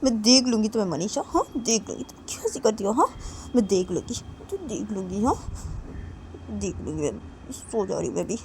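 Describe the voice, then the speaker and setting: A woman's voice: medium pitch, lively intonation, a little fast, darkish tone, a little hiss or hum, voice pushed up, lightly acted. A woman voicing a stubborn, quarrelsome young woman who answers back indignantly and repeats herself. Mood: sulky threatening.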